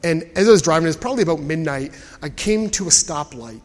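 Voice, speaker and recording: A man preaching a sermon, telling a personal story in an animated way and often repeating words as he goes. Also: fairly high pitch, fast. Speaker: pastor. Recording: preached in a hall with long reverb.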